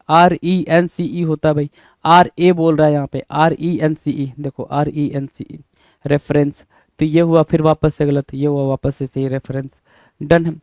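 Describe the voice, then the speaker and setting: A man's voice: fairly high pitch, darkish tone, smooth, dry recording. A young man, teaching a spelling lesson and spelling words out letter by letter. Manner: repetitive, drawn-out and emphatic, often calls listeners bhai.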